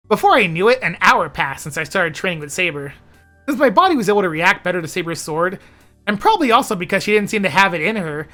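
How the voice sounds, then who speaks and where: A woman's voice: fairly low pitch, fairly bright tone. A woman reading first-person visual novel narration expressively as narrator of a playthrough. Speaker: narrator and editor of a playthrough series.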